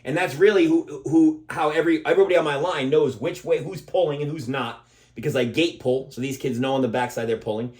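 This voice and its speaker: A man coaching football, breaking down a play step by step, emphatic and repeating himself, with a steady "okay?" after each point. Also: on the high side, brisk. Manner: emphatic, repeats words while explaining.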